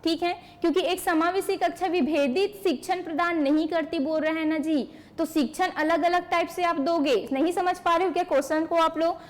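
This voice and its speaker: A woman teacher with a very high-pitched voice talks fairly quickly with fairly even intonation and hardly any pauses. In an online exam-prep lecture, she poses and answers her own questions and answers students by name.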